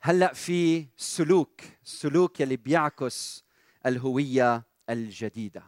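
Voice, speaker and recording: A man with a Lebanese Arabic accent preaching a sermon as pastor, animated and asking the congregation questions with rising emphasis. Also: medium pitch, a little slow, dry recording, clean studio sound.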